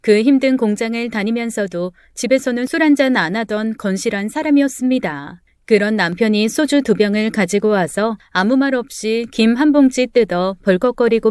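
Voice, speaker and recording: Lady storyteller, gossipy tone, smooth clear voice, dry close sound. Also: fairly high pitch, a little mellow, no echo. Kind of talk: scripted narration of a true story.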